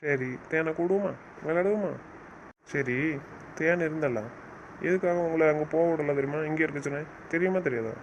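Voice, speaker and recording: Speaking at a moderate pace with a fairly high pitch close to his everyday voice, a man acts out a young husband who is stern but loving. The audio drama has him scolding, lecturing, and finally coaxing, captured on a dull lo-fi track with faint noise.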